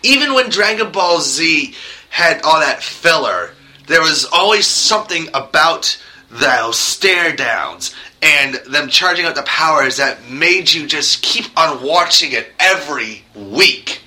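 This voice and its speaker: Male co-host, bright and slightly high voice, casual review chat. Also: lively intonation, takes it slowly, poor audio. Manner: chatty, laughs easily. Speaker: podcast co-host.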